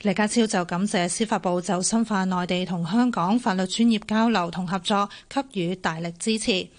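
A woman's voice: mid-range voice, normal speed. A woman with a Hong Kong Cantonese accent reading a scripted report as a radio news reporter.

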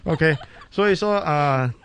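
A middle-aged man from Hong Kong with a Cantonese accent in his Mandarin, giving casual interview answers in a halting way, repeating phrases as he searches for words. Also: a little high, a bit bright, slight background noise. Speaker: interview guest, hotel administration manager.

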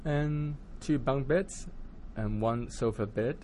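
A man's voice: mid-range voice, slow pace, warm tone, slight background noise. A man from Hong Kong talking about growing up, hesitant and full of restarts. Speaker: guest. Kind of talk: casual interview talk.

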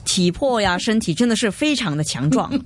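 Chatty woman radio host, mid-pitched. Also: animated, fairly quick. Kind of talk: casual chatty hosting. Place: small crowded radio studio.

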